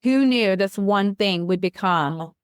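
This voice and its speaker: A woman hosting a casual faith podcast, enthusiastic and chatty and quick to laugh. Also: medium pitch, smooth, dry recording, clean studio sound. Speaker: podcast host.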